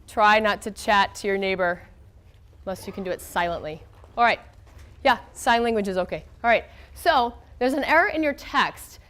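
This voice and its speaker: A woman's voice: fairly high pitch, fairly bright tone. An American woman giving an informal physics lecture, her voice weak from a cold, conversational and often checking in with her students. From southern United States. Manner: conversational, checks in with okay and all right.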